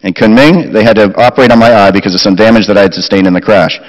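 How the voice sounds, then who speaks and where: A middle-aged man reading a family war story aloud at a chapel lectern, steady, with quoted recollections. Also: fairly low pitch, fast, dull audio. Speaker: chapel speaker. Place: school chapel, indoors. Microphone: lectern mic. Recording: chapel reverb.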